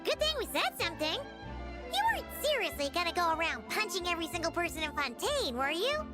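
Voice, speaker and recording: An extremely high, squeaky little fairy girl for a video game. She is excitable and blunt, swooping all over the place, with music clearly behind her. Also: fast. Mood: chatty. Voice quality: childlike, squeaky. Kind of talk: video game character dialogue. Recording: loud music under the dialogue.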